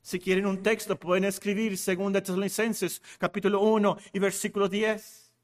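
A man preaching a sermon, emphatic, repeating key phrases and swinging from loud exclamations to hushed low tones. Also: little pitch movement. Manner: slows and stretches words for emphasis.

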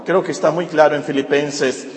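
A male pastor preaching a sermon with animated delivery, repeating phrases for emphasis. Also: a little high, normal speed. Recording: echoey hall with faint ambience.

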